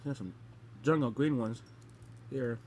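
A young man talks casually to his phone camera while eating gross jelly beans. His voice sits at an ordinary middle pitch. The home recording has a faint noise under it. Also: measured pace, darkish tone. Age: young adult. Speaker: vlogger hosting a taste challenge. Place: small bedroom indoors. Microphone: phone camera at arm's length.

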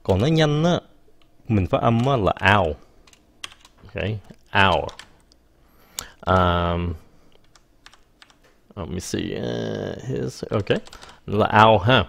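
Slow, low-voiced male teacher. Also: lively intonation, gravelly. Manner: slow, explains patiently, frequent "ok" and self-corrections. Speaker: English teacher. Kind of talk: casual spoken grammar lesson.

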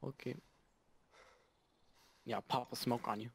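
A man's voice: medium pitch, fairly even intonation, measured pace, gravelly, breathy edge. A man in casual voice chat during an online shooter, cocky and joking with his team. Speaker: gamer.

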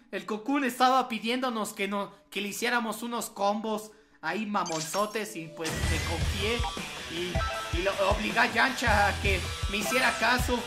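A man doing playful gameplay commentary as a streamer, mock-dramatic and repeating his phrases. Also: sits high. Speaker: gaming streamer. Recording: loud game music behind.

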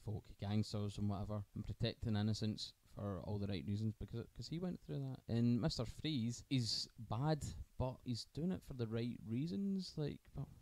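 A man's voice: medium pitch, normal speed, hardly any pauses, a little mellow, dry recording. A man co-hosting a podcast, telling the story in a laid-back, blunt way with casual swearing. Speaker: podcast co-host. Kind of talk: casual review chat.

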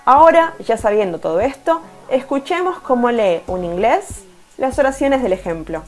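A woman's voice: a little high, expressive, normal speed, soft background music. A woman with a Rioplatense Spanish accent who teaches English in an online lesson. She explains step by step, reading each English sentence and then translating it.

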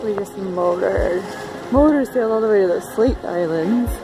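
A woman in her thirties chatting to a handheld camera on a sailboat, excited and laughing easily. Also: medium pitch, normal speed, over music, low-quality recording. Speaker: sailing vlogger. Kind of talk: casual vlog narration. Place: on a sailboat on a foggy lake and in the cabin. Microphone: handheld action camera at arm's length. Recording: camera audio with wind and water noise.

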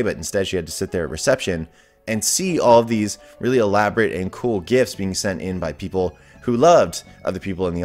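A young man chatting enthusiastically as a YouTuber about a favorite TV show. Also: fairly low pitch. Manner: enthusiastic, chatty fan talk. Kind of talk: casual video commentary.

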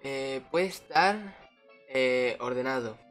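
A woman's voice: a bass voice, slow, faint music behind. A woman chatting casually over a video game and reading its dialogue aloud.

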